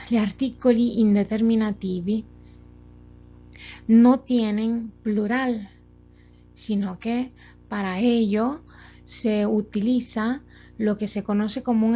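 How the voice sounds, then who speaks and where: A woman's voice: mid-range voice, dark tone. A woman teaching a grammar lesson from slides, explaining step by step with many examples. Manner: slow, methodical explaining with examples. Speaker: language teacher. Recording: dull lo-fi sound, faint music.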